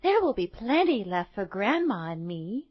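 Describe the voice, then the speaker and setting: A woman voicing a sweet, innocent little fairy-tale girl, with sing-song, drawn-out phrases. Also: mid-range voice, big pitch swings, dry recording, muffled recording. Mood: kindly.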